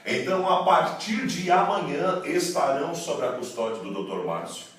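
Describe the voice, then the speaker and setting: A man's voice: a little high, expressive, moderate pace, fairly bright tone. A man addressing viewers in an emphatic, preacher-like promotional video, recorded in an office. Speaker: network marketing promoter. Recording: echoey room, mic far off.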